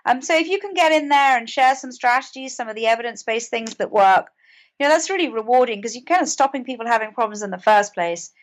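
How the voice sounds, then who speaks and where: On a low-quality recording, a British woman talks fast with lively intonation in a voice on the high side. An author and mental health advocate from the UK, she's a podcast guest whose earnest, conversational speech often doubles back on words.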